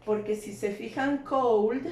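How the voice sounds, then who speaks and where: A woman with a slightly high, slightly mellow voice speaks slowly while teaching English grammar in an online lesson. She explains step by step and checks in with her students. The room is echoey, with faint ambient noise.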